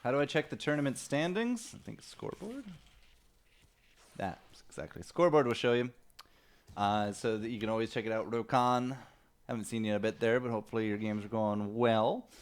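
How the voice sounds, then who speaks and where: A young man casting a live esports match, excitable and quick to laugh, chatting with viewers between plays. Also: mid-range voice, clear, resonant tone. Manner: excitable, laughing, talks to chat. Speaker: esports caster. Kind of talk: live game commentary.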